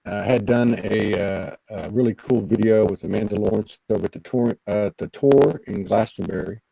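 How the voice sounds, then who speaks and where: A man, a guest on a spiritual talk show, telling a personal story in an earnest, emotional, halting way. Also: fairly low pitch, creaky, dark tone, dry recording, poor audio. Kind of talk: personal storytelling in casual conversation.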